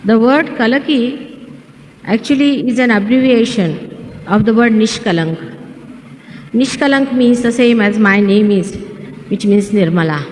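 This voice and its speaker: A woman, a spiritual teacher giving a measured lecture and explaining words one by one, heard in an old archival recording. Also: on the high side, a little mellow. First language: not English. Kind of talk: slow spiritual lecture to an audience. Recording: old echoey hall recording with faint hiss.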